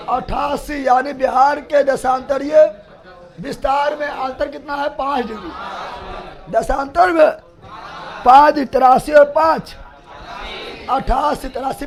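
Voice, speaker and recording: A man teaching a class, shouting out facts for the students to chant back. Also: very high-pitched. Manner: loud call-and-response drilling, shouting. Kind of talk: classroom lesson drill.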